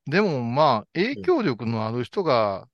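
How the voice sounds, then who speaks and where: A man's voice: mid-range voice, very animated, unhurried, dry recording, lo-fi sound. A man with a Kansai accent chatting casually as a talk show host, telling things in a gossipy, colloquial way. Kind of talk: casual chat.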